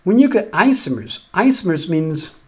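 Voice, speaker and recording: Husky-voiced man giving a chemistry lecture. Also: high voice, sing-song, moderate pace, a little mellow. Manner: explains step by step, often asks "right?". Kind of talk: recorded lecture over slides.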